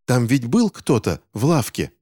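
A man's voice: medium pitch, sing-song, unhurried, mellow, dry recording, clean studio sound, voice pushed up. A man reading an audiobook voices an anxious, pushy older woman who keeps firing questions. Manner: fretful, insistent questioning.

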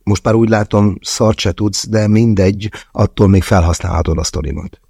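A man's voice: lowish voice, fairly even intonation, creaky, warm tone, husky, no room sound, studio quality. A man narrating a first-person novel as an audiobook, wry and conversational in his storytelling.

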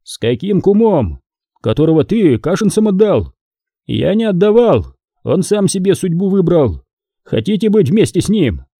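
A stern nobleman who gives curt orders and cold choices, played by a male narrator. His voice is slightly raised but dark and firm. Dry, close recording. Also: high voice, very animated, normal speed, slightly rough, no room sound, voice pushed up, exaggerated voice. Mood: commanding. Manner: curt, commanding. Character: stern commanding medieval boyar man. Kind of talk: audiobook character voicing.

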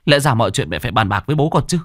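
A man's voice: medium pitch, very animated, rapid-fire, a bit bright, dry recording, clean studio sound. A man voicing a reproachful grown son scolding his mother in an audio storybook.

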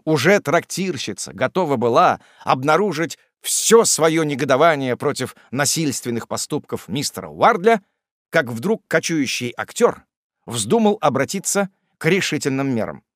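A male audiobook narrator with a fairly high, lively voice, telling the story in a measured, expressive way. The recording is close and dry. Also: no room sound. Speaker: audiobook reader.

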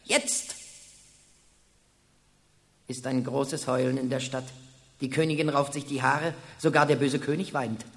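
An actor playing a sly rat who serves a prince in a radio play, speaking in a cool, matter-of-fact way. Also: male voice, medium pitch, steady tone, measured pace, long pauses, fairly bright tone. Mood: reporting.

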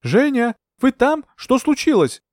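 A man voicing an anxious middle-aged man who shouts in high, fretful bursts in an audiobook. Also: fast, no echo, studio quality. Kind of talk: audiobook character voice.

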